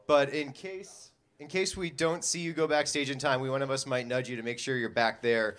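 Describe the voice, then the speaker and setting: A man's voice: medium pitch, steady tone, moderate pace, fairly bright tone, smooth. A man co-hosting a live comedy show, rambling and self-mocking as he explains things to the audience.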